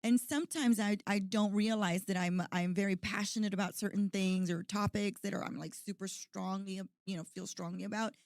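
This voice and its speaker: A woman's voice: medium pitch, steady tone, fairly quick, few pauses, dry recording, studio quality. A woman in her forties hosting a podcast, talking in a chatty, earnest way with plenty of "like" and "you know". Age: 40s. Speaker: podcast host. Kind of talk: casual podcast chat.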